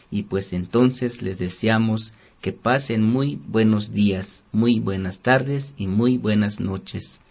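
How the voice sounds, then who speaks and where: A man with a Mexican accent presents a radio programme from a script as its host. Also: fairly low pitch. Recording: dull lo-fi radio sound.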